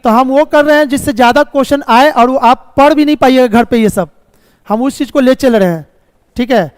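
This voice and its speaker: This is a live online lecture where a man with an extremely high pitch teaches reasoning at a fairly quick pace. Going step by step, he frequently asks whether students follow and sometimes reprimands them about the course, with a big-room sound free of echo.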